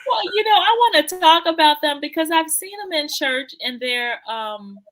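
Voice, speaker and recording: A woman interviewing in relaxed conversation, with a high voice that is bright and clear. She keeps affirming the speaker with quick agreements. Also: rough recording. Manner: affirming, with frequent short agreements and laughter. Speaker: interviewer and co-host. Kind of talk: casual conversation.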